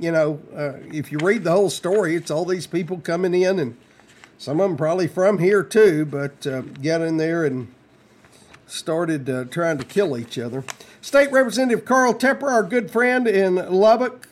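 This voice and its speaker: High-voiced scornful talk host. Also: male voice. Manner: folksy, scornful, rises sharply when mocking. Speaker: radio talk show host. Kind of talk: conservative talk radio commentary.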